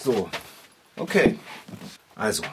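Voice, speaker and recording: A man's voice: fairly low pitch, very animated, slow pace, very noisy. A man playing a whiny, easily flustered comic lead in a children's TV show. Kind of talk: children's TV comedy acting.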